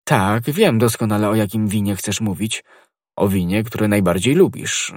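A man voicing a noble, older musketeer who speaks in a measured, dignified and gently reproachful way. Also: fairly low pitch, slightly rough, no echo, clean studio sound. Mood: grave.

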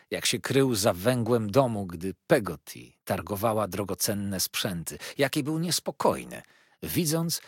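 A man narrating a novel as an audiobook in an expressive storytelling manner. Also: on the low side, husky, no room sound, studio quality.

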